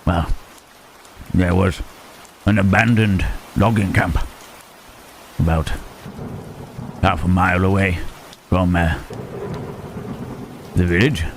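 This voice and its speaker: A man voicing Frankenstein's monster as a lonely, gentle creature who stammers and speaks formally in an ASMR roleplay. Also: sits low, fairly even intonation, slow pace, long pauses, a little hiss or hum. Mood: tender, shy. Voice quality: hesitant, stammering, formal speech. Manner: soft questioning tags, huh, eh, hmm. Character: lonely, gentle male monster, shy and halting. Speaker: voice actor.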